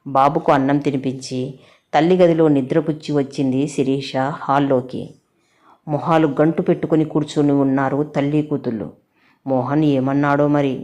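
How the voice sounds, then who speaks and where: A woman narrating a family story in a steady, expressive reading voice. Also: deep voice, moderate pace.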